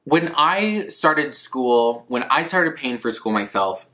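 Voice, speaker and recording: A man's voice: medium pitch, lively intonation, takes it slowly, sharp tone. A man in his twenties chatting casually and candidly to camera, rambling in a self-deprecating way as he answers viewer questions. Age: 20s. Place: living room at a coffee table, indoors.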